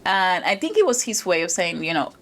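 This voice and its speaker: A Venezuelan woman, a guest in a conversational interview, tells stories about her upbringing, often restarting and saying "you know." Her voice is fairly low with big pitch swings, and she talks a little fast.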